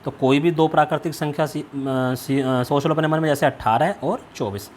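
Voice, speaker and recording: A man's voice: fairly high pitch, moderate pace, a little hiss or hum. A male maths teacher going through a worksheet step by step, asking questions and answering them himself. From India. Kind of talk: worksheet lesson.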